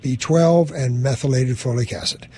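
A man's voice: mid-range voice, moderate pace, mellow, a little hiss or hum. A man hosting a medical call-in show, giving plainspoken advice step by step. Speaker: doctor and radio host.

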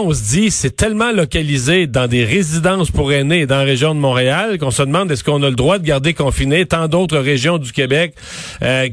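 A man's voice: fairly high pitch, no echo, clean studio sound. A man with a Québécois French accent hosting a radio talk show, conversational and hesitant with many fillers. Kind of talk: live radio interview.

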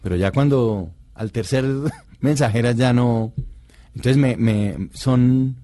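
A man's voice: medium pitch, slow, warm tone, no room sound. A man, a guest actor chatting casually on a radio show and telling stories in a laid-back, joking way.

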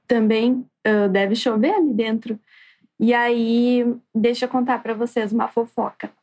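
A woman with a soft, near-whispering voice, chatting casually as a guest. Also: fairly high pitch, fairly even intonation, unhurried. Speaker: guest, architect. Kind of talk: casual chat.

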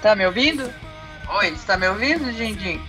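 A woman's voice: mid-range voice, expressive, a little fast. A woman in her fifties with a Brazilian accent, a guest talking in a chatty, playful way over a call line. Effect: heard over a call line. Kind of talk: casual chat. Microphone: call from home. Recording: muffled call audio, faint music behind.

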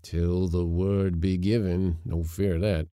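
A man voicing a gruff old servant who growls and grumbles. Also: low-pitched, little pitch movement, takes it slowly, warm tone, dry recording, studio quality. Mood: grumbling. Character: gruff old male servant carrying a heavy box.

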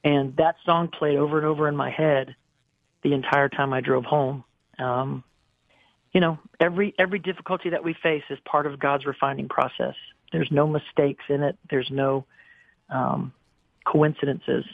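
A man's voice: a little high, fairly even intonation, normal speed, gravelly, dry recording. Earnest man on a tinny phone line. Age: 40s. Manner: earnest, emotional, rambling with restarts. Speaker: guest singer. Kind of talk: candid storytelling on a radio interview.

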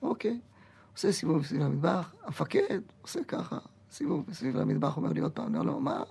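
A male comedian tells a self-mocking story. His voice is gravelly and husky, with a rough edge to it. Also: a little high, huge pitch swings, a little mellow.

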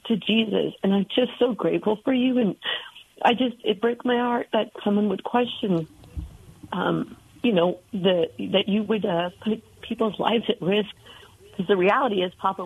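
A woman calling in to a radio show over a telephone line, speaking earnestly and haltingly with many fillers. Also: mid-range voice, slightly rough. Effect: heard over a telephone line. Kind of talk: heartfelt call-in message. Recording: tinny phone line.

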